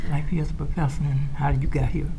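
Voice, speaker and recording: A man conducting a casual radio interview inside a college building. His voice is warm and mellow, and he keeps things relaxed and conversational. He drops easy murmurs of agreement as his guests talk. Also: on the high side, fast, creaky, slight background noise, low-quality recording. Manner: relaxed, conversational, frequent mm-hmm.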